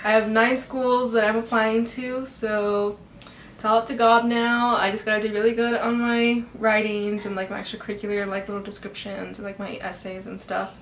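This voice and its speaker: A teen girl hosts her own podcast in casual chat, upbeat and chatty, using many fillers and laughing often, sounding somewhat nasal from congestion. Her mid-range voice shows little pitch movement, moves at normal speed, and has a fairly bright tone. There's an echoey home room, faint ambience, and a little hiss or hum.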